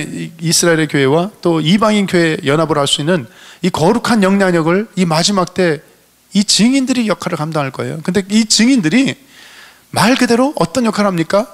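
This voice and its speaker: Fervent preaching man, lively pitch swings. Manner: fervent preaching, rhetorical questions, swings between loud high appeals and low asides. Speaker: senior pastor. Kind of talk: sermon. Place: church sanctuary.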